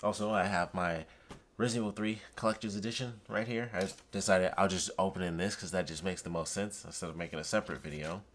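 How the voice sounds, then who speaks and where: A man who sounds high, rambling casually in a dazed, drifting stoner manner as he vlogs and trails off. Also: steady tone, quick pace, slight background noise. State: high, intoxicated. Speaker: vlogger. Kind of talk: rambling casual unboxing vlog.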